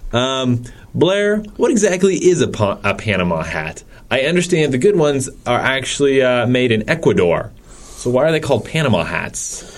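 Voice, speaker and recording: A man hosting a museum podcast, speaking in a clear presenter's way as an assistant curator. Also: medium pitch, big pitch swings, moderate pace. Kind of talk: scripted intro and casual interview.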